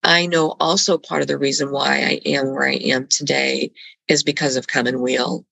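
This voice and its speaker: Gravelly earnest woman on a call. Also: very deep voice, level tone, fairly bright tone, no echo, low-quality recording. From Colombia. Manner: earnest, halting, with restarts. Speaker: guest. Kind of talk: reflective conversation.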